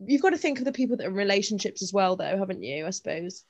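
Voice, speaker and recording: A woman's voice: medium pitch, lively intonation, rapid-fire, a little mellow, dry recording. A young woman co-hosting a podcast, telling stories in a chatty way with lots of fillers. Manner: chatty storytelling, many fillers and restarts. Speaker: podcast co-host. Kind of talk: casual chat.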